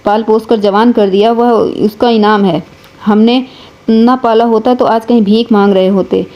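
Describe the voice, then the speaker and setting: A hot-tempered village wife lashes out in a heated, scolding voice, as a woman reading a novel aloud puts her on. The voice sits fairly high. The recording is dull and lo-fi. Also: fairly even intonation, normal speed, lightly acted. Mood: angry. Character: fierce village wife and mother, sharp-tongued, quick to anger.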